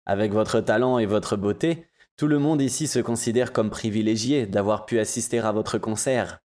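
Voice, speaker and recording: A man's voice: lowish voice, moderate pace, darkish tone, natural voice. A man voicing a gallant, courtly host with gracious, complimentary speech in an audiobook.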